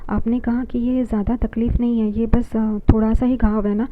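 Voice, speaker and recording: A woman voicing a rough, protective young man who talks bluntly. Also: fairly high pitch, flat delivery, moderate pace, lightly acted. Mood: urgent. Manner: blunt, threatening. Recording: tinny phone-like audio, faint hiss.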